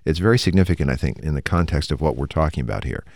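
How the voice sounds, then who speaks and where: A man's voice: a bass voice, lively intonation, racing, a little mellow, no room sound. A man co-hosting a Bible discussion show, explaining points thoughtfully with occasional fillers. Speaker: radio show co-host.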